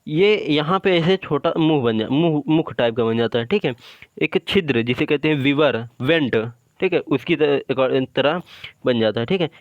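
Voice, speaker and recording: A male instructor, his voice on the high side and his pace moderate, leads an exam-prep lecture in which he drills terms through repeated questions and answers. He explains a drawing step by step, saying "ठीक है" after nearly every point. The audio has no echo and the highs are cut off.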